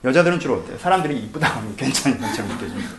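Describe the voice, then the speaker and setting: Male pastor, fast and lively delivery, preaching with rhetorical questions in a roomy hall. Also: medium pitch, a little hiss or hum. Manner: rhetorical questions to the congregation, shifting between hushed and emphatic. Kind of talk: sermon.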